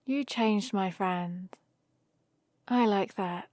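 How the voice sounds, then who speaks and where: In an ASMR roleplay addressed to the listener, a young adult woman acts as an adventuring heroine, speaking slowly and intimately in a medium-pitched, slightly mellow voice. Recorded dry on a close studio-style mic with no echo, she sounds wistful and relaxed, fondly and playfully teasing her companion in an unhurried one-sided conversation.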